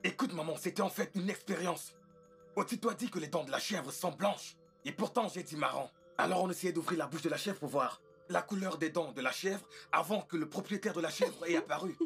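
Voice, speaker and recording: A man's voice: fairly high pitch, fairly quick, gravelly, a bit bright, soft background music. A man dubbing a spoiled young prince who complains indignantly in a dubbed film. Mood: sheepish.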